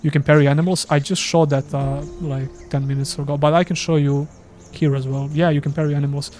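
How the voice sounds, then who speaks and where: A man from Serbia chats casually while gaming live on stream, self-deprecating and speaking with a Serbian accent. The delivery is brisk and flat, the voice fairly high and a little mellow.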